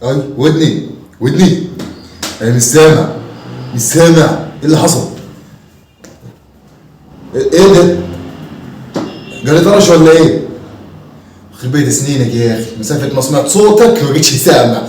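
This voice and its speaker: A man's voice: on the high side, animated, moderate pace, long pauses, darkish tone, lightly acted. Man as a grumpy sarcastic father, Egyptian Arabic accent, scolding, echoey distant room. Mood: mocking. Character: grumpy father, throws slippers, scornful. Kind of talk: homemade comedy sketch acting. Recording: echoey room, far from the mic, faint hiss.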